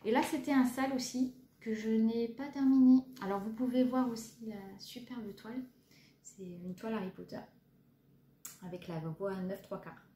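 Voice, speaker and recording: A woman's voice: fairly high pitch, moderate pace, dark tone. A woman in her thirties from France, chatting casually with lots of fillers as she shows her cross-stitch projects. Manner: chatty, hesitant, many fillers, self-deprecating. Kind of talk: casual show-and-tell chat. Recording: echoey room, faint background noise.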